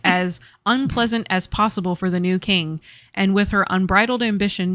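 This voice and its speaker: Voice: medium pitch, a bit bright, no room sound. A podcast host narrating history in a casual way, reading facts evenly between jokes. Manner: reads facts evenly, breaks into laughter.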